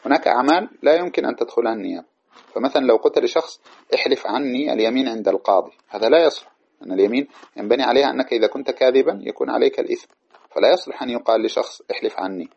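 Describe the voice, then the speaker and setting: Gravelly, fast-talking man lecturing on jurisprudence. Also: mid-range voice, darkish tone. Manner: reads a passage aloud, then explains it at length. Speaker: teacher of Islamic jurisprudence. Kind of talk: classroom lecture explaining a text. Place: lecture hall with microphones. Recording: dull lo-fi lecture recording.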